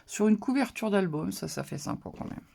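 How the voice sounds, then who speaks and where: A papercraft channel host chatting casually through a haul of paper pads, relaxed and hesitant. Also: mid-range voice, brisk, gravelly. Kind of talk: casual haul show-and-tell.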